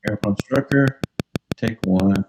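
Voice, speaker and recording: A man's voice: lowish voice, a little slow, heavy background noise. A man playing a tabletop miniatures game, calling out his moves in casual chat and joking to his pieces.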